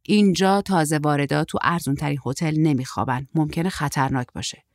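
A woman's voice: low-pitched, no room sound. A woman voicing a brusque, terse middle-aged woman who talks in a dry, impatient way.

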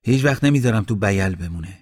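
A man voicing a kindly village man who speaks up to protect an outcast, in a steady, reassuring way. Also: lowish voice.

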